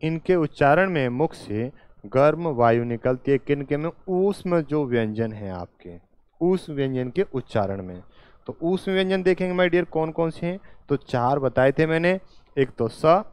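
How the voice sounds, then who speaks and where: Guy teaching at a board, talks real slow, asks then answers himself, smooth fairly high voice. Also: expressive, a little mellow. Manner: slow and repetitive, quizzing students with questions and answering them himself; calls the viewer "beta" and "my dear". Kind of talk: classroom lesson at a board.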